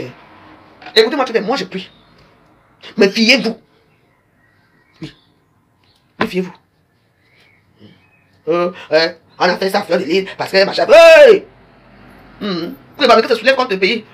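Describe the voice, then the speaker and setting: Fast, husky woman ranting. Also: fairly high pitch, a bit bright. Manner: emphatic, repetitive, lecturing viewers. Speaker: live streamer. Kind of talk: live-stream rant to viewers.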